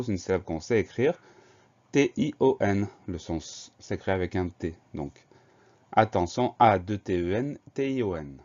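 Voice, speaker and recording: A man's voice: deep voice, darkish tone, muffled recording. A man teaching a spelling lesson for children, patiently spelling each word letter by letter.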